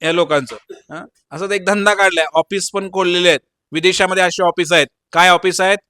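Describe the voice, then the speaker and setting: A man from Maharashtra preaches a devotional sermon in a bright, forceful voice that sits a little high. He fires rhetorical questions at his listeners and checks in with a quick "hm?". He slips into the voices of the people he quotes. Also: smooth. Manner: animated, mimics the people he quotes.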